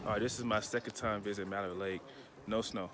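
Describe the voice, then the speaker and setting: A man's voice: lowish voice, fairly even intonation, fast, crowd noise. A man chatting casually to camera for his vlog, full of whoops and greetings. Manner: hyped, loud whoops and greetings. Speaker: vlogger. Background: loud music.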